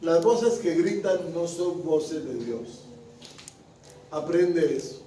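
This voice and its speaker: Echoey pastor preaching. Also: male voice, fairly high pitch, lively intonation, slow, dark tone, a little hiss or hum. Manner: preaching with call-and-response questions to the congregation. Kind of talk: sermon. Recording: echoey room with the mic at a distance.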